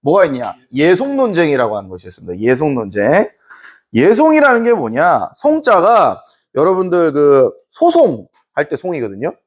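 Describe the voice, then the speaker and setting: Playful male history teacher, high and animated, lecturing to a class. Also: normal speed. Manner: playful, acts out quotes, laughs often.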